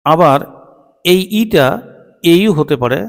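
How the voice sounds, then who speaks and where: A man with a Bengali accent, a native Bengali speaker, teaching English phonics to children, drawing out each word slowly as a drill. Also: a little high, expressive, long reverb tail. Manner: slow, drawn-out word-by-word pronunciation drills.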